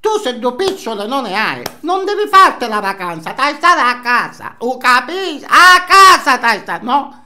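Comic sketch: nosy older Sicilian housewife played by a man, dialect-laced scolding, bright voice swinging wildly. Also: very high-pitched, sing-song, a little slow, exaggerated voice. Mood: indignant gossip. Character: nosy, indignant older Sicilian housewife, gossiping about neighbours. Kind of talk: comic character monologue. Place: small indoor room, seated facing camera.

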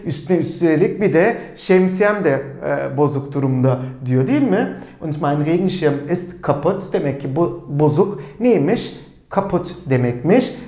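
A language teacher walks learners through a dialogue, explaining each phrase patiently and repeating words slowly for pronunciation. The voice rises and falls animatedly, and it sounds recorded in a roomy, echoing space. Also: mid-range voice, darkish tone. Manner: explains patiently, asks the learners rhetorical questions. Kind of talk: spoken language lesson. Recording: roomy echo.

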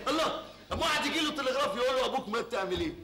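A giggly show-off posing as a mexican noble, high voice, rattles on fast, old theater tape. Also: male voice, lively intonation. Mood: giggly, chattering. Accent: Egyptian Arabic. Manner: giggly, chattering, breaks into loud laughter. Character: giddy, boastful grown man posing as a Mexican noble. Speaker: comic stage actor. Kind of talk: live stage comedy. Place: theater stage with live audience. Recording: roomy, noisy old theater stage recording.

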